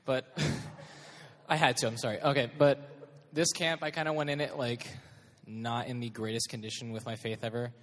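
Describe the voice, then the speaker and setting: A man speaks at an ordinary pitch, self-deprecating and reflective as he shares his camp testimony. He sounds a little distant from the mic. A long reverb from the large hall hangs behind his voice. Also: fairly even intonation, moderate pace, fairly bright tone. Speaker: youth group member sharing testimony. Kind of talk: casual spoken testimony. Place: large hall at a youth church event.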